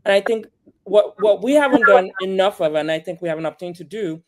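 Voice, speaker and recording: On a panel discussion, a Nigerian podcaster speaks at a quick pace in a mid-range, medium-pitched voice. He's animated and emphatic, hammering points home with rhetorical questions, and the recording is rough.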